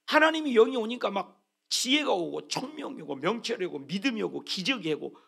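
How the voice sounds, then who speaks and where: Male pastor, sermon, lively preaching, gravelly, high-pitched. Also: brisk. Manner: animated, exclaiming preacher with sudden loud bursts. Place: church sanctuary.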